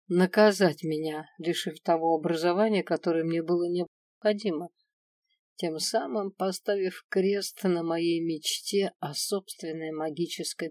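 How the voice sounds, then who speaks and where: A woman narrating a first-person fantasy romance audiobook in a steady, expressive reading. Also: lowish voice, no room sound, studio quality, distant mic.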